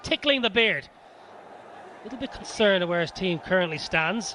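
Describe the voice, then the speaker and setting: A man's voice: sits high, animated, brisk. A man giving live cricket commentary as a match commentator. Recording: stadium crowd noise behind. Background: noisy cricket stadium crowd.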